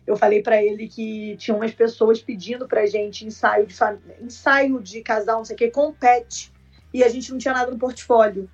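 A young woman's slightly high, husky voice tells a story to listeners in a chatty podcast style. She sits a bit back from the mic, with faint music underneath. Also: fairly even intonation, moderate pace, distant mic, dull audio. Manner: chatty, addresses listeners directly. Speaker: podcast host. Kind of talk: casual storytelling chat.

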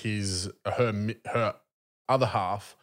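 A man's voice: lowish voice, steady tone, slow, a bit bright. An Australian man in his thirties chatting casually as a podcast co-host, crude and slangy, swearing freely in comic banter.

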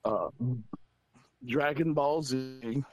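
A man's voice: medium pitch, drawn-out words, over music, poor audio. A man co-hosting a podcast, hesitant and full of fillers in casual chat. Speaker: podcast co-host.

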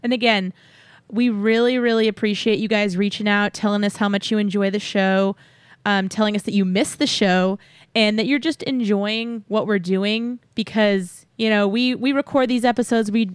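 A woman's voice: medium pitch, steady tone, moderate pace, smooth, dry recording, studio quality. A woman hosting a podcast, giving listeners a chatty update in a cheery, enthusiastic way. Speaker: podcast host. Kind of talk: upbeat podcast announcement, chatty.

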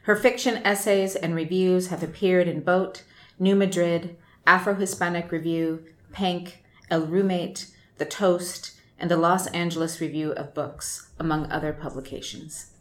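Low-voiced woman reading a guest bio. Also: measured pace. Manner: even, formal reading. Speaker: podcast presenter introducing a guest. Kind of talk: scripted bio introduction.

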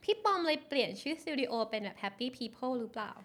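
A woman hosting a podcast interview, attentive and quick with short agreeing replies. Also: on the high side, expressive, fairly bright tone. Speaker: podcast host.

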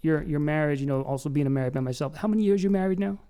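A man's voice: fairly high pitch, very fast, warm tone, smooth. A man hosting a podcast, chatting casually with an upbeat, joking, storytelling manner. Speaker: podcast host. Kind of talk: casual interview conversation.

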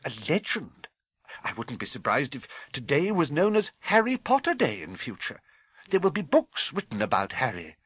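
A man's voice: on the high side, wildly swooping pitch, moderate pace, fairly bright tone, husky, no room sound, voice pushed up, heavily acted. A man voicing a stern, anxious older witch professor with a fussy, clipped, urgent manner in an audiobook. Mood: awed. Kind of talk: audiobook character voice.

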